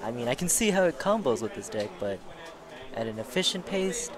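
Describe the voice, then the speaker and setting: A laid-back man calls a card game match live, talking at an average pitch. He chats loosely, laughs a lot and swears without thinking. Steady crowd chatter fills the background of the venue. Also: a little fast. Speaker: tournament commentator. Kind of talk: casual live commentary. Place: busy card tournament venue.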